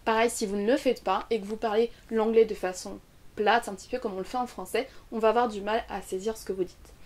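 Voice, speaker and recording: This young Frenchwoman gives an online English pronunciation lesson, pronouncing sample words slowly and explaining with clarity. She speaks at a medium pitch with a steady, somewhat dark tone.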